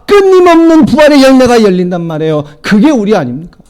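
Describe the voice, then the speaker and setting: A middle-aged man preaching a sermon as pastor, asking the congregation questions and swinging between loud emphatic lines and low quiet asides. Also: lively intonation, quick pace.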